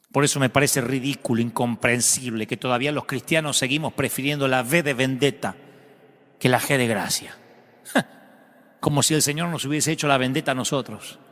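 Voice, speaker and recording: A man preaching a storytelling sermon, impassioned, swinging from dramatic rises to hushed drops. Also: mid-range voice. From Argentina. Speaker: pastor. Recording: long reverb of a large hall.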